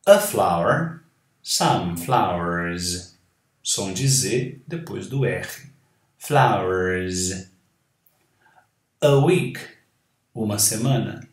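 Brazilian guy teaching english really slow, voice goes up and down a lot, echoey room. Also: mid-range voice. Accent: Brazilian Portuguese. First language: Portuguese. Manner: models words slowly and repeats them. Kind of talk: slow, deliberate grammar lesson.

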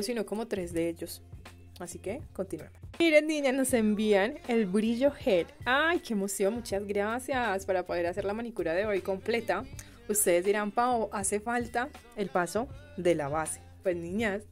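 Woman, young adult, Colombian accent, beauty vlogger, chatty unboxing, gushing, exclamatory, mid pitch, faint music behind. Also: normal speed. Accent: Colombian Spanish.

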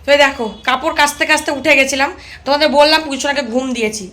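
In a home vlog, a housewife chats casually and directly to her viewers while doing chores in the kitchen and bathroom. Her voice is high, fairly bright and steady, and she talks at a rapid clip. The audio is poor, with slight background noise.

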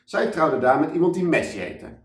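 A man, a children's author, reading a children's story aloud as a lively storyteller. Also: a little high, normal speed. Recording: echoey room, mic at a distance.

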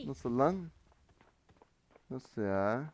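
A man giving live gameplay commentary as a mobile game streamer, excitable and teasing in slangy banter. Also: mid-range voice, extremely slow, a little hiss or hum. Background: faint game gunfire.

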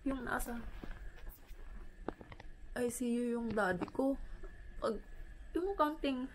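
A woman from the Philippines, a vlogger, retelling a painful personal story in a halting, emotional way with many pauses and fillers. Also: on the high side, a little hiss or hum, rough recording.

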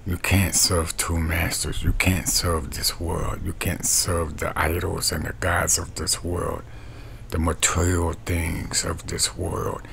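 A middle-aged man preaching a webcam sermon from a small bedroom, with a slow, repetitive preaching cadence. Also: low voice, level tone, creaky, fairly bright tone, slight background noise. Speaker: street preacher.

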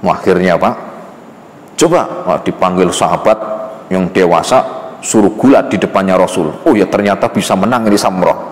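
Folksy preacher in an echoing hall. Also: male voice, low-pitched, normal speed. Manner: folksy, acts out dialogue, frequent "ya" fillers. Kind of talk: storytelling sermon. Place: mosque hall. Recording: echoey hall with long reverb.

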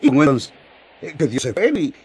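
John, a fervent, very animated disciple. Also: male voice, a little high, slight background noise. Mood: eager, fervent. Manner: emphatic, halting with eagerness, coaxing. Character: John the apostle, earnest, fervent, excitable male disciple. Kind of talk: radio drama acting in colloquial Spanish.

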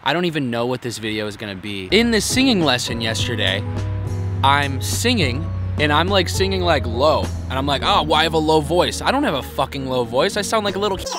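A young man vlogs in a city park with music playing, his slightly high voice very animated and brisk. He speaks to the camera crudely and bluntly, cursing a lot and poking fun at himself.

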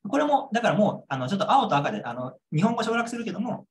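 A man's voice: high-pitched, big pitch swings, quick pace. A young man lecturing on a model exam answer, repeating key points and checking understanding with rhetorical questions.

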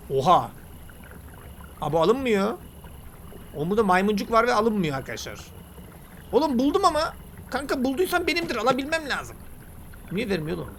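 A man talking excitedly and casually while he plays a game and comments on it. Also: high-pitched, a little hiss or hum. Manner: chatty, excitable, slangy banter. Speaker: gaming YouTuber. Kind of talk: let's play commentary.

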